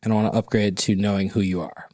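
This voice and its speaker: A man hosting a podcast interview in a studio, chatting loosely and joking, with sudden jumps into a high voice. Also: level tone, fast talker, dark tone, no room sound. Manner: loose, rambling, jokey, with pitch jumping up high. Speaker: podcast host. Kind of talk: casual interview chat. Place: recording studio.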